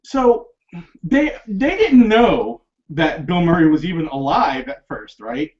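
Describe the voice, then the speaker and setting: A man with a somewhat raised pitch chats loosely about a film on a podcast. He rambles through fillers and restarts, and the recording sounds muffled and lo-fi. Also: very animated, slow pace, darkish tone. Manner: rambling, many fillers and restarts, laughs often. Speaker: podcast host. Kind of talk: casual film discussion.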